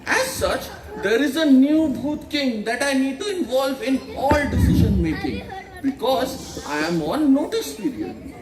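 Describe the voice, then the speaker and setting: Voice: high voice, lively intonation, a little slow, over a noisy crowd. A performer playing a chatty, flustered outgoing king of ghosts in an amateur comedy skit, talking theatrically in office jargon. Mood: resigned. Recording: echoey stage recording with clear background noise.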